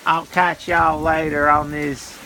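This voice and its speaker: High-voiced man out in rain and wind. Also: flat delivery, slow pace, bright, forceful tone. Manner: folksy, easygoing. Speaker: amateur storm vlogger. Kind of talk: casual video update. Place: outdoors in a storm. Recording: outdoors in noisy rain and wind.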